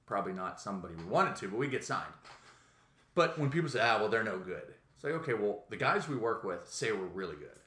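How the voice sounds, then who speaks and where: Brief: male podcast host, lower voice, bright forceful tone, rambling profane storyteller, echoey room. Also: sing-song, fast. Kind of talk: casual podcast chat.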